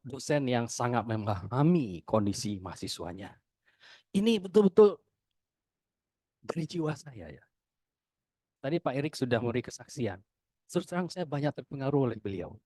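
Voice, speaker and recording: A man's voice: no echo, studio quality. A man in his fifties from Indonesia, giving an informal tribute talk full of anecdotes and acted-out dialogue. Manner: chatty, anecdotal, acts out quoted dialogue with lively pitch jumps. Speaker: speaker giving a testimony.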